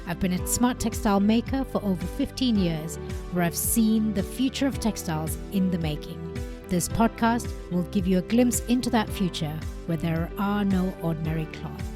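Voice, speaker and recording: A woman's voice: mid-range voice, moderate pace. A woman hosting a textiles podcast, reading her intro and interview questions with an enthusiastic, upbeat manner. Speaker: podcast host. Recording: music bed behind the voice.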